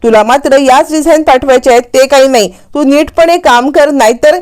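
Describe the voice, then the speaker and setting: A woman puts on a short-fused young businessman in a retold TV drama. He scolds and complains in a raised, high voice, irritated the whole time. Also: fairly quick, a little mellow, lightly acted. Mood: angry. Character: angry young male businessman scolding staff.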